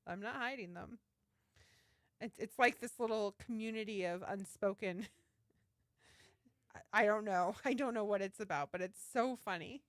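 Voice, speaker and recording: A woman's voice: mid-range voice, measured pace, no room sound, studio quality. A woman hosting a casual live stream, chatting enthusiastically and reading out viewer comments. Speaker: livestream host, yarn dyer. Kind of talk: casual livestream chat.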